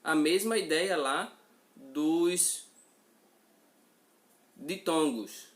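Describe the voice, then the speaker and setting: A man's voice: fairly high pitch, drawn-out words, fairly bright tone. A male teacher gives a grammar lesson, repeating example words and checking in with his students as he goes.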